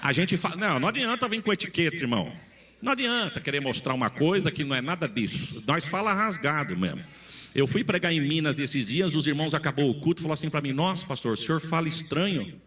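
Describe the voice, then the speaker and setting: A man's voice: fairly high pitch, expressive, quick pace, pushed and bright. A middle-aged man, a pastor from Brazil, preaching a folksy sermon full of acted-out dialogue and humor.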